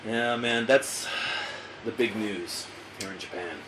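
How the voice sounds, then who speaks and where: A man's voice: lowish voice, takes it slowly, slight background noise, low-quality recording. Wry, profane man hosting a podcast. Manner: wry, profane, animated storyteller. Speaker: podcast host. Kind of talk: casual chat.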